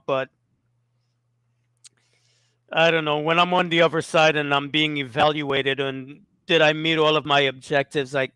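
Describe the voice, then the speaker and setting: Animated New man telling a story. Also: a little high, clear, resonant tone, no echo. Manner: laughing, swears freely, repeats himself. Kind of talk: casual conversation, storytelling.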